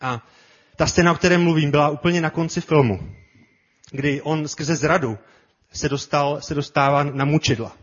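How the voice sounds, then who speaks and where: A man preaching a sermon with passion, often repeating his words and building to loud cries. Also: fairly high pitch, husky, dull audio. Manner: impassioned, repetitive, builds to shouts.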